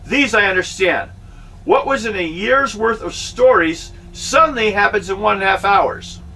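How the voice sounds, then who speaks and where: High-pitched middle-aged man on an indignant back-in-my-day rant. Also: animated, moderate pace, creaky, pushed and bright. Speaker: vlogger and amateur filmmaker. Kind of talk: opinionated rant to camera. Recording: distant mic with faint background noise.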